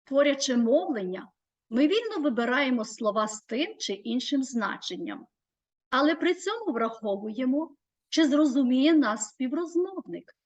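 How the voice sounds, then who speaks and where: A woman with a high voice delivers a scripted teaching presentation. She speaks in a measured, deliberate way and draws listed terms out slowly. The recording sounds dull and lo-fi. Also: expressive.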